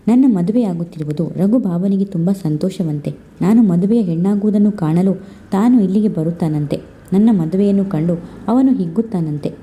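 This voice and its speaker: A woman narrating a literary love story in a steady, expressive reading voice. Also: on the low side.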